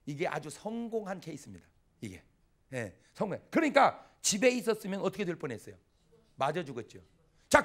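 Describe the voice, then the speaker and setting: Middle-aged male pastor, fairly high voice that swings widely, folksy and animated sermon delivery. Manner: animated, folksy preaching with acted-out dialogue.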